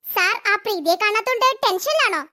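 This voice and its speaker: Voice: expressive, fairly quick, pushed and bright, exaggerated voice. A performer voicing a jealous, scheming young office woman in a cartoon, sugary to her boss and plotting under her breath. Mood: pleading. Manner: sweet to the boss, low muttered asides.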